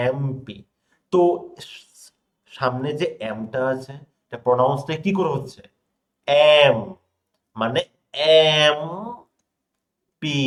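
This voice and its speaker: A young man from India teaches a grammar lesson at an ordinary, middle pitch. He leans on key words, drags out the example sentences, and keeps checking in with rhetorical questions to his students. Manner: stresses words, reads example sentences slowly. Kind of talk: classroom lesson explaining examples.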